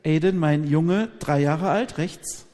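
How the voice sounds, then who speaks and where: A man interprets a live talk in quick bursts, phrase by phrase, and now and then he stalls on a hesitant filler. His voice is slightly high for a man. A long hall reverb trails every word. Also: dark tone.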